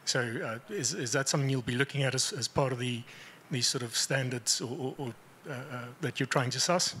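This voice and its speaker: A man's voice: medium pitch, fairly quick, pushed and bright, slight background noise. A man with a South African accent asking a question from the audience, hesitant and full of hedges. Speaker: audience member.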